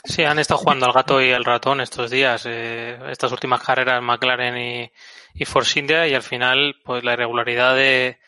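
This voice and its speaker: A man's voice: mid-range voice, flat delivery, normal speed, bright, forceful tone, clean tone, dry recording. A man on a podcast panel chatting casually as a motorsport commentator.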